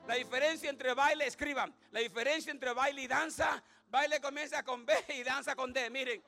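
A man's voice: very high voice, fairly even intonation, normal speed, gravelly. A man preaching a comic sermon as pastor, telling jokes, acting out stammering voices and calling out to the congregation. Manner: joking, acts out stammering voices; loud preaching with audience asides.

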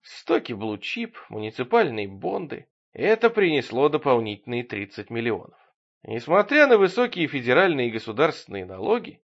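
A man narrating an audiobook with ironic, expressive storytelling. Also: medium pitch. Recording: dull lo-fi audio.

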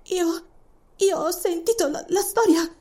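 A woman voicing a frightened, indignant young queen in an audiobook, speaking in shrill, panicked cries and stammers. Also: measured pace, dark tone. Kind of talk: audiobook voice acting.

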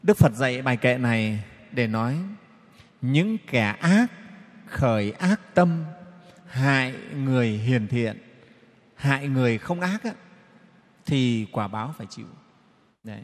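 A man's voice: mid-range voice, lively intonation, measured pace, pauses often. A man giving a Buddhist dharma talk, telling a story in a folksy way and tagging his sentences as he goes. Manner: folksy storytelling with frequent "đấy" tags. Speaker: Buddhist teacher. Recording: long reverb of a hall.

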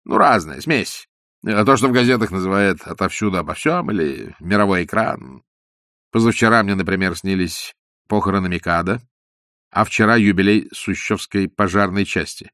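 A man's voice: low-pitched, normal speed, fairly bright tone, no room sound, studio quality. A man voicing a cheerful young con man who talks in an easygoing, sly, good-natured way. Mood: soothing.

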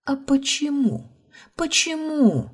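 A woman's voice: sits low, expressive, unhurried, mellow, breathy edge, full character voice. A woman reading the lines of a desperate, heartbroken young heroine, pleading and tearful. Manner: pleading, tearful, rising to outbursts.

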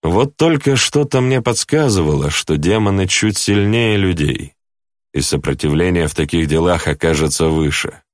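Guy reading an audiobook, really deep voice, dry close mic, steady and a bit wry. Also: normal speed, dry recording. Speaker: audiobook narrator. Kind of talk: scripted first-person narration.

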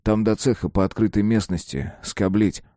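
A man's voice: lowish voice, moderate pace, dark tone, no room sound, clean studio sound, lightly acted. A man voicing an earnest, dutiful teenage boy who answers in short clipped phrases in an audiobook.

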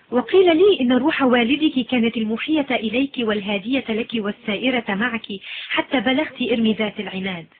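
An earnest young man asks searching, doubting questions, as a woman reads his lines. The voice stays fairly high. The sound is lo-fi and phone-like. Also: a little hiss or hum, lightly acted.

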